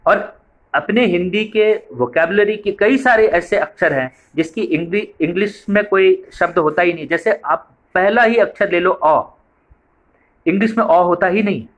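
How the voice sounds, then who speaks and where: A man's voice: sits high, moderate pace, a bit bright, muffled recording. A man delivers a training lecture in a slightly raised voice. He explains each point patiently and repeats key phrases for emphasis. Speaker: preschool method trainer.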